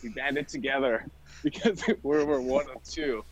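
This young Vietnamese MBA student, appearing as an interview guest, speaks in a casual, chatty way with lots of fillers and restarts. The recording is low quality, and his husky mid-range voice runs a little slow.

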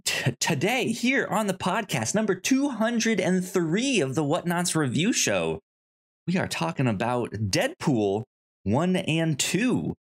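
A podcast co-host chats casually about reviews, often repeating words and restarting as he goes. The voice is mid-range and swings widely in pitch.

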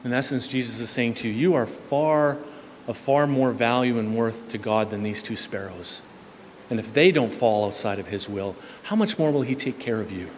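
A male pastor preaching a sermon in a church, conversational in tone, swinging between loud emphatic lines and hushed quiet ones. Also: mid-range voice, normal speed. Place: church sanctuary. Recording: long church reverb with faint room noise.

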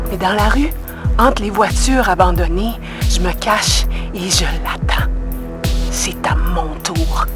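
A hunted young woman, played by an actress, tells her escape in terse, clipped fragments with a Québécois French accent. She speaks slowly and evenly at a middling pitch. A clear music score runs beneath this radio drama. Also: close to an everyday voice. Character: hunted young woman, tense then coldly calm. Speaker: narrator-protagonist of an audio drama. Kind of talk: intimate first-person radio drama narration.

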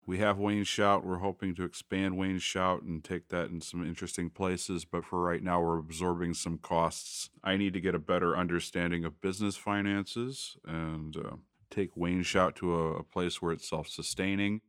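A man's voice: low voice, little pitch movement, normal speed, few pauses, a bit bright, smooth, no echo, studio quality. A man co-hosting a podcast, talking in an easygoing, dryly joking way. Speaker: podcast co-host and voiceover artist. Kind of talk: casual chat.

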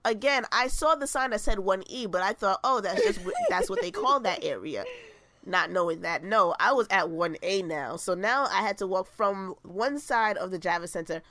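On a podcast she co-hosts, a woman with a mid-range voice speaks at a moderate pace in casual chat. She's an animated storyteller, performing the quotes in her tale.

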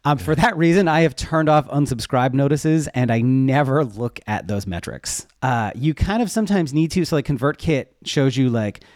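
A podcast guest who educates people on web development speaks animatedly at a moderate pace, barely pausing, in a medium-pitched, darkish voice. He's candid and conversational about his own experience, in a dry, studio-quality recording.

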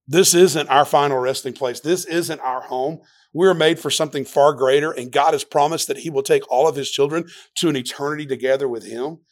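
A man with a somewhat high voice preaching a sermon as pastor. He talks earnestly and with passion, often restarting and repeating words. His delivery swings between loud stressed phrases and quieter asides.

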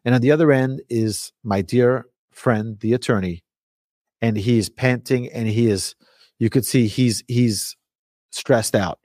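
A man teaching religion like a rabbi, telling stories emphatically with rhetorical questions and deliberate repetition. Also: medium pitch, darkish tone, dry recording, studio quality. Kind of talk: lively religious lecture with storytelling.

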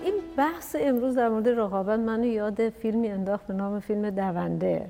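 A woman's voice: mid-range voice, gravelly, warm tone, faint music behind. A woman in a reflective discussion, speaking thoughtfully and telling stories to make her points. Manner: thoughtful, storytelling. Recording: long reverb.

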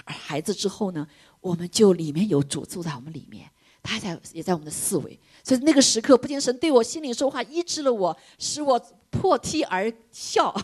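A middle-aged woman preaching a sermon, switching between loud exclamations and hushed whispers. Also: mid-range voice, slightly rough.

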